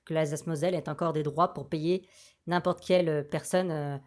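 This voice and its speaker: A man's voice: fairly even intonation, fairly quick. A man speaking through a voice changer, patiently explaining a political programme point by point in a casual debate. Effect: voice changer, altered pitch. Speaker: political activist guest.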